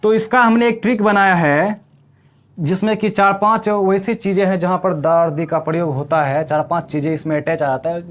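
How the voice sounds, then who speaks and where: A man teaching an English grammar lesson, asking the class questions and checking in with them as he goes. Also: a little high. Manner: asks the class questions and answers them himself.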